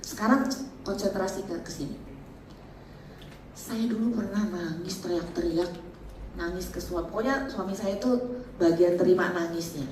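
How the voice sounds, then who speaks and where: A middle-aged woman, giving a lively church workshop talk. She is chatty and joking, laughs often and mixes in English phrases. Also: fairly low pitch, normal speed, long pauses. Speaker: seminar speaker. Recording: echoey hall, mic at a distance, faint background noise.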